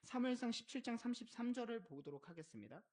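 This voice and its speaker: Energetic male preacher, storytelling sermon, animated pitch. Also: fast. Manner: lively storytelling, asks questions of the congregation. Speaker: pastor. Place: church service.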